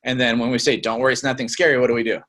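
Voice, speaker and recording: A young man runs a sales training session in a relaxed, conversational way. He keeps slipping into sample phone lines, dropping his voice low and then spiking it up to make his point, and he often checks in with the room with a quick "right?". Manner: lively, demonstrates phone lines by acting them out.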